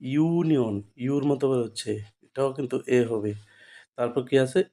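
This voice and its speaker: A man with a Bengali accent, at a middle pitch for a man, leads a grammar lesson in a steady classroom manner. He goes over each rule several times and breaks it up with quick checking questions to his students. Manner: repetitive, checks understanding with frequent rhetorical questions. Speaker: English grammar teacher.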